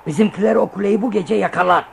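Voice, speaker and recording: An actor playing a wary, worried soldier in a radio play, speaking colloquially to a comrade. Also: male voice, high voice, fast talker, vocal fry, slight background noise.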